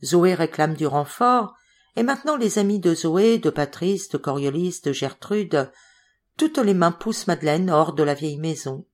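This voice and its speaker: A woman narrating a novel in a measured, dramatic reading. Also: sits low, animated. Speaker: audiobook narrator. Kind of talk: scripted literary narration.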